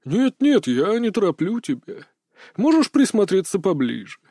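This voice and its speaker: A man's voice: sits high, big pitch swings, normal speed, dark tone, no echo, clean studio sound, voice pushed up, heavily acted. A man voicing a burly bearded older hunter who taunts and lectures in a sly, mocking way, read as an audiobook character. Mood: taunting. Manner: taunting, philosophizing.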